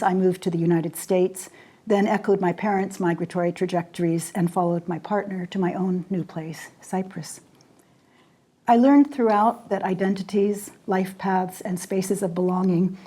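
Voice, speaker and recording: Measured older woman lecturer, low mellow voice. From raised in Jordan. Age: 60s. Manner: measured, deliberate delivery with weighty pauses. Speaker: poet and scholar giving a lecture. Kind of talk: formal public lecture.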